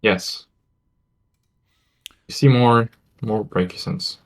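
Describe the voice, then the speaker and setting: A man co-hosting a casual podcast about a tabletop game, mostly giving brief, relaxed replies. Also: fairly low pitch, very slow. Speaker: podcast co-host.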